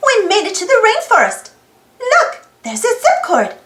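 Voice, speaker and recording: A storybook reader and channel host reads aloud to children in an exclaiming way, prompting young listeners with questions. Her voice is very high with wildly swooping pitch and a fairly bright tone, the pace unhurried, the sound roomy.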